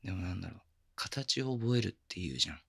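A man playing a teasing, affectionate young boyfriend in intimate ASMR role-play, murmuring softly and very close to the microphone. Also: low-pitched, very animated, fast, no echo, exaggerated voice. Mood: playful teasing. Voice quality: breathy, gravelly. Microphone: very close binaural microphone, dry.

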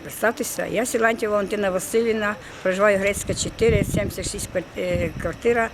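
A woman, excitedly telling a reporter what she saw, rambling from one detail to the next. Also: medium pitch, noisy background. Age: 60s. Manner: rapid, excited, rambling storytelling. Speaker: pensioner eyewitness. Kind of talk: street interview. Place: outdoors on a town street.

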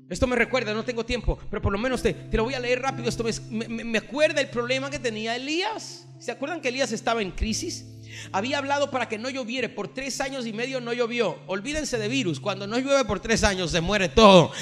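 A man's voice: extremely high pitch, fairly bright tone. A man preaching a sermon as a pastor, building to an impassioned, declaiming intensity. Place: livestreamed from a church or studio.

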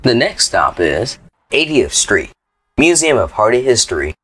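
A man reading scripted transit announcements like a subway or airport announcer, in a formal, measured manner. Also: mid-range voice, very animated, a bit bright, husky, no echo. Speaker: train announcer.

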